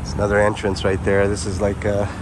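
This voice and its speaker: A man talks casually to his viewers while walking a city sidewalk, rambling from thought to thought in a lowish voice. He records on a handheld camera mic, and traffic noise is clearly heard around him. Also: completely flat delivery, quick pace. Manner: rambling, chatty, addresses viewers directly with fillers. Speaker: vlogger. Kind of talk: casual walking vlog narration. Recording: street traffic noise behind.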